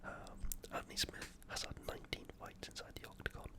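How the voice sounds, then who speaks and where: Whispering breathily without voicing, this British host of ASMR fight previews offers relaxed, unhurried sports commentary.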